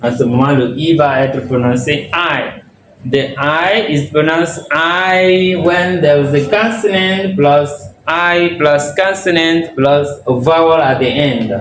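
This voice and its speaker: Slow man teaching in an echoey room. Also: fairly high pitch, a bit bright. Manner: slow, drilling words one by one with repetition. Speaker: English teacher. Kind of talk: bilingual pronunciation lesson. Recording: echoey room, mic at a distance, faint background noise.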